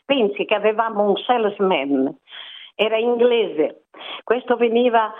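An older woman from Italy, a radio interview guest telling stories in a lively, rambling way and acting out what people said. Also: fairly high pitch, unhurried. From southern Italy. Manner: lively storyteller, acts out quotes, rambling asides. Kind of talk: phone interview, reminiscing. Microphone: telephone. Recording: tinny phone line.

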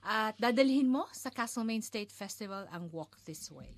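A woman's voice: fairly high pitch, lively intonation, normal speed. A woman with a Filipino accent hosting a conversational interview in a radio studio. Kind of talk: conversational interview, mixing Tagalog with some English.

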